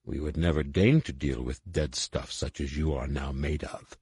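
Audiobook villain: man putting on a deep, husky, hissing alien warlord, slow and contemptuous. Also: a little mellow, dry recording, studio quality, full character voice. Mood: cold. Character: cold, sneering alien warlord in disguise, cruel and contemptuous.

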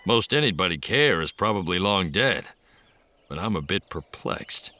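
A man's voice: low-pitched, animated, normal speed, pushed and bright, a little hiss or hum. A man doing a chuckling folksy old hermit. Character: jovial old male hermit with homebrew.

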